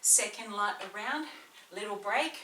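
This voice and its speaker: A woman personal trainer with a slight New Zealand accent coaches a beginner workout in a small indoor room, chatty and encouraging and talking a lot. Her medium-pitched voice is pushed and bright at a measured pace, with slight background noise. The distant mic gives a roomy echo and faint ambience.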